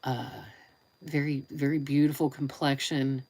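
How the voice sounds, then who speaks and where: A woman streamer talks in a low voice with a congested, nasal sound, as if her nose is stuffed. Her delivery is informal and chatty, wandering along like a relaxed live hangout. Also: unhurried. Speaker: live streamer and YouTube creator. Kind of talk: casual live stream chat.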